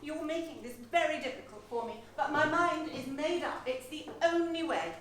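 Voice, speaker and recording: A woman's voice: sits high, animated, moderate pace, a crowd in the background. An actress playing a composed, firm English woman parting from a lover, recorded on stage in an echoey hall from a distance. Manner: firm, composed, gently scolding. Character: genteel English woman leaving by train, firm. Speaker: stage actor. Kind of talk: amateur stage comedy acting. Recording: echoey hall, far mic, noisy.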